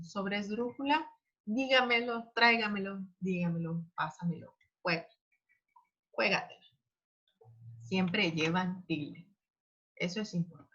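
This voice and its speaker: A woman teaches an online grammar lesson, her voice sitting in a middle register. She talks her students through each rule patiently, pausing often on fillers and restarting her sentences. The recording sounds somewhat dull and lo-fi. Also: medium pitch, pushed and bright. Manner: explanatory, with frequent fillers and restarts.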